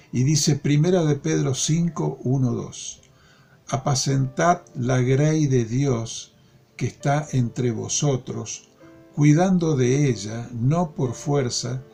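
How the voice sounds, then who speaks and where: A man leading a Bible study from a workbook, slow and deliberate, repeating key phrases and verses. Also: medium pitch, vocal fry, dark tone, husky, faint music behind. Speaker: discipleship teacher.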